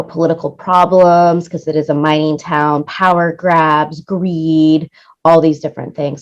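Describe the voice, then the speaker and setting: A woman who is a music supervisor and producer speaks as an interview guest, explaining things chattily and checking in with the listener, often tagging points with "right?" Her voice is low with a darkish tone, and the recording sounds muffled.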